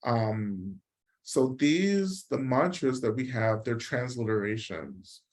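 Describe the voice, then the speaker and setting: A man leads a dharma talk at a middle pitch. He explains patiently and reflectively, and he keeps asking his listeners "right?" as he goes. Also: lively intonation, slow. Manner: reflective, explanatory, frequent "right?" check-ins. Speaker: Buddhist teacher. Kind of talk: dharma talk answering questions.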